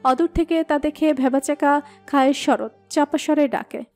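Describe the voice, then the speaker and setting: A woman narrating a romantic audio story in a steady, expressive reading. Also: high-pitched, moderate pace. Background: soft background music.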